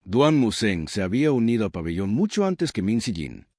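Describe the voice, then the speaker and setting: A man narrating a scripted story recap in a measured, dramatic storytelling manner. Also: on the low side, very animated, a little mellow, no room sound, studio quality.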